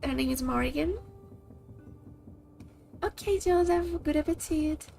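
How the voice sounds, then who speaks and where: A Brazilian woman whose first language is Portuguese chats and rambles casually while streaming a game, her high, creaky, warm voice unhurried and full of "like" and "kinda." Faint game music plays behind her live-stream talk.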